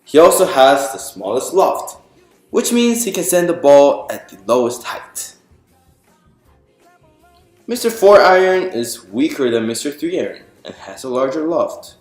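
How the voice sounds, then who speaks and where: A man with a fairly high, very animated voice reads a picture book aloud at a measured pace. His storybook narration is explanatory, posing questions to listeners and then answering them. The sound has a roomy echo with music behind it.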